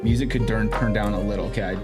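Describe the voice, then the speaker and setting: A man's voice: fairly low pitch, steady tone, racing. A man hosting a casual live stream, thinking aloud as he troubleshoots his mic and sound setup. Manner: chatty, thinks aloud while fixing audio. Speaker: livestream host. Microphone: streaming mic with in-ear monitoring. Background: faint background music.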